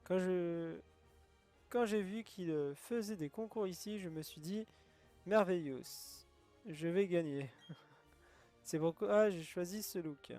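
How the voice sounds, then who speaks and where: A man's voice: sits high, slow pace, long pauses, darkish tone, faint music behind. A man voicing a flamboyant female gym leader in a game, with a put-on English accent and showy delivery. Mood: grandiose.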